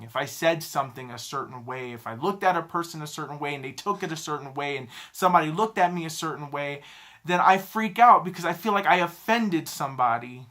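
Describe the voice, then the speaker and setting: A man in his thirties talking to a camera in a halting, self-critical confessional vlog, often repeating himself. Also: fairly high pitch, sharp tone. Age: 30s. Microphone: camera mic, talking to a camera.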